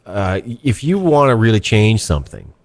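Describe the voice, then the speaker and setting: Co-host, man from Canada, rambling jokey banter, low voice with animated swings. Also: moderate pace, dry recording. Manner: joking, rambling, deadpan asides. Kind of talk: casual chat.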